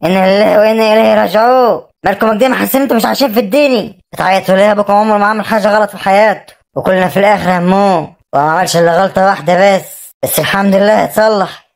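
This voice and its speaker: Woman voicing a cold scolding mother, rapid. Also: medium pitch, steady tone, gravelly, close to an everyday voice. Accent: Egyptian. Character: hard-hearted mother hurrying the children out.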